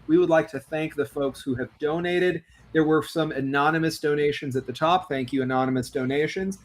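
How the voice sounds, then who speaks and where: A man's voice: a little high, a little fast. A man hosting a livestreamed tabletop game as game master, upbeat and explanatory, addressing the chat directly. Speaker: game master and stream host.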